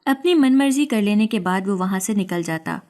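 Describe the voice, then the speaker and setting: A woman narrates a first-person story in a scripted, dramatic way. Her voice sits at a middle pitch and leans into emotion. It sounds like a storytelling channel reading. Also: lively intonation, darkish tone.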